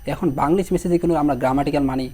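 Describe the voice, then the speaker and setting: A hoarse young man with a dark, mellow tone, fairly high for a man. He runs an online exam-prep lesson, sounding out each word slowly and asking his students questions as he spells it. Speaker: teacher.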